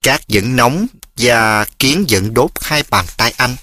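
A man reading a story aloud in a scripted, expressive narration, lifting his pitch on emotional phrases. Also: takes it slowly, dry recording, studio quality.

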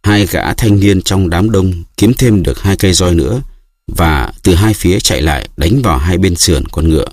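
Deep husky male audiobook narrator. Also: normal speed, a little mellow, no echo, studio quality.

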